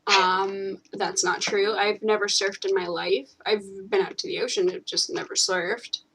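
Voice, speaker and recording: A young woman from California talks in an unhurried, casual way, pausing on ums and restarting her sentences. Her voice sits at an ordinary pitch and she takes her time. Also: fairly even intonation, fairly bright tone, a little hiss or hum. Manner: rambling, full of ums and restarts. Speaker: channel host. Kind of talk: casual chat while gaming.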